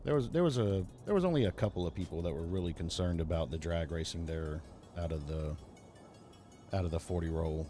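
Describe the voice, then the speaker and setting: A deep, mellow-voiced man hosts a live esports racing event. He talks in a loose, chatty way and jokes easily, with faint music behind him. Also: a little fast. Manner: casual, chatty, joking. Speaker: race event host and commentator.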